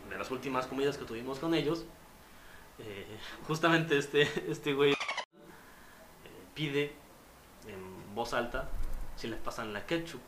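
A man's voice: medium pitch, measured pace, pauses often. A young Mexican man with a Mexican accent, telling stories in casual, slangy chat. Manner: storytelling, slangy, animated retellings. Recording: roomy with faint noise.

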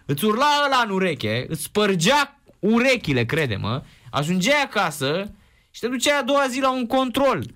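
Upbeat guy telling football stories, bright voice, pitch jumps all over. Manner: animated storyteller, shouts imitations. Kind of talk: casual sports chat.

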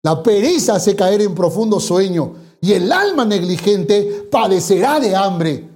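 Mellow-voiced pastor preaching emphatically. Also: mid-range voice, expressive, unhurried. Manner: emphatic, repeats phrases, rhetorical questions. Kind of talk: sermon.

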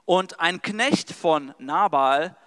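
German-speaking preacher guy, high smooth voice, chatty slangy sermon. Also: extremely slow, a bit bright, in a large hall. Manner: casual and slangy storytelling, addresses the audience directly.

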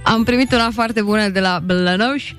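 A woman's voice: medium pitch, fairly bright tone, faint music behind. A woman co-hosting a radio morning show, chatty and giggly in casual banter, reading out jokes. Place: radio studio.

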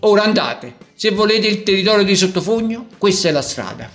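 A man's voice: sits high, very animated, brisk, a bit bright, soft background music, voice pushed up, full character voice. A man voicing a huge green male dragon in a storybook, threatening at first, then confiding.

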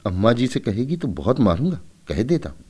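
A man's voice: medium pitch, sing-song, brisk, dark tone, husky, pitched above the performer's own voice. A man voicing a bossy, anxious young boy who scolds his little sister in a storybook reading. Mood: threatening.

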